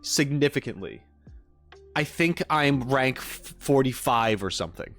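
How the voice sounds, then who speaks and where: Streaming from home against a green screen, a game reaction host chats with viewers in a casual, rambling style full of self-deprecating humor. His mid-range voice is fairly bright, with lively intonation at a measured pace. There's music in the background.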